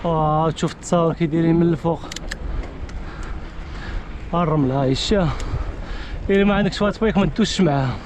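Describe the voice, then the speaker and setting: A man's voice: fairly even intonation, fast talker, pauses often, a little mellow. A man with a Moroccan accent narrating a casual travel vlog outdoors, in offhand short bursts of commentary. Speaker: travel vlogger on a bicycle trip. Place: outdoors on a desert track and road. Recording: noisy outdoor sound with vehicle-like rumble.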